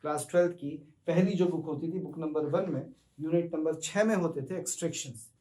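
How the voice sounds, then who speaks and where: A man's voice: fairly high pitch, a little fast, mellow, far from the mic. A man teaching chemistry, explaining step by step, asking questions and answering them himself, with English terms mixed into his speech. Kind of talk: classroom lecture. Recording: echoey room, voice off-mic.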